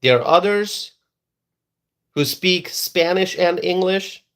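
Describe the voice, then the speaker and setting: High-pitched, slow, a bit bright and clean in tone, a male political commentator whose first language is Bengali argues his political views emphatically, repeating words for emphasis.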